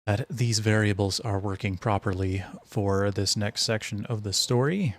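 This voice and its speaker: A man with a lowish voice talks at a normal pace while he works on a live stream, thinking aloud in a hesitant, self-directed way. He's an indie game developer and streamer chatting casually, with music playing in the background.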